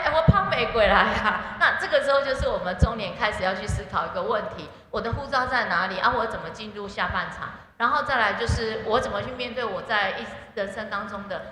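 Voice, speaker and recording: Lively Taiwanese woman speaking in a hall. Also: medium pitch. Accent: Taiwanese Mandarin, switching into Taiwanese Hokkien. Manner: lively storyteller who acts out quoted voices. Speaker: guest speaker at a church service. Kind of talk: conversational talk with anecdotes. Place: church sanctuary. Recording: echoey hall with faint background noise.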